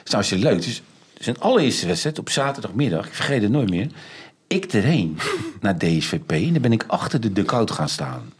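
An older man, a former player, telling stories in a casual chat, laughing and animated. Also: fairly low pitch, a little fast, slightly rough. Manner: lively, laughing storyteller. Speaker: guest storyteller, former player.

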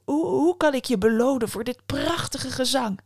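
A woman's voice: high voice, expressive, moderate pace, darkish tone, no room sound, clean studio sound, voice pushed up. A woman playing a pleading, needy emperor. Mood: grateful. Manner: pleading and emotional. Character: doting, needy old emperor.

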